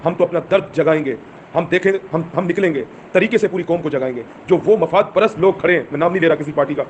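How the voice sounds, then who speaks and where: A man's voice: a little high, highs cut off, a little hiss or hum. A man giving an impassioned speech to his followers, urging them on with rhetorical questions. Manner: urgent, exhorting, rhetorical questions. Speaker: movement leader addressing followers.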